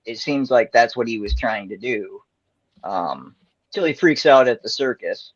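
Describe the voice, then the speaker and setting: A man's voice: medium pitch, animated, unhurried, no room sound. Give me an easygoing man chatting about a movie, on dull lo-fi audio. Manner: easygoing, hesitant fillers. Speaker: panelist. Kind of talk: casual live-stream chat.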